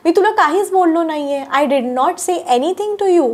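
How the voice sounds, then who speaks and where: A woman with a Marathi accent teaching English, repeating each sentence slowly and carefully. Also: very high voice, a little mellow. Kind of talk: language lesson, reading sentences slowly.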